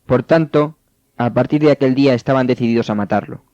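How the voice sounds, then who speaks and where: A man narrating scripture in a steady, measured way. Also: medium pitch. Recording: dull, dry studio sound.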